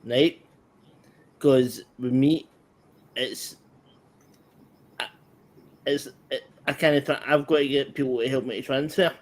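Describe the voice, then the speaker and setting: A man with a Scottish accent chats as a guest in an easy group conversation. His voice sits at an ordinary middle pitch. He is blunt and halting, breaking off mid-thought and starting over. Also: steady tone. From Scotland. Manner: blunt, halting, trails off and restarts. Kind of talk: casual group chat.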